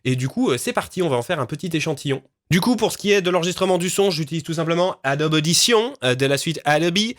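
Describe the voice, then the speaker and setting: A man explaining his voice-recording work in a relaxed, casual vlog, often pausing on fillers. The sound is dry and close. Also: on the high side, no room sound. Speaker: game developer and voice actor.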